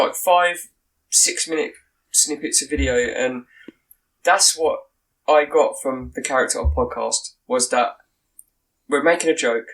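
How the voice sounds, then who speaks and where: A man holds forth on a film on his podcast, animated and blunt, tripping over his own restarts. His voice sits at a middle pitch and sounds slightly distant from the microphone. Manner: opinionated, animated, restarts sentences. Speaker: podcast co-host. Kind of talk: casual film discussion.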